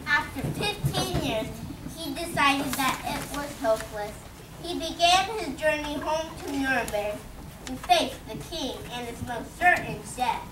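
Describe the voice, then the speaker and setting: High-pitched child, distant in a noisy room. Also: lively intonation, measured pace. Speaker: pupil performing in a school class play. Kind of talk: recited school play storytelling and dialogue. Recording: noisy, echoey school performance from far off.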